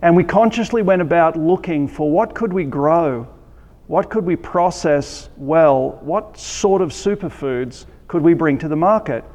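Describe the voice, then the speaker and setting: A man with an Australian accent giving a conference presentation, relaxed and joking, with many ums and restarts. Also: a little high, measured pace, big-room sound. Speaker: conference speaker. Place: conference hall.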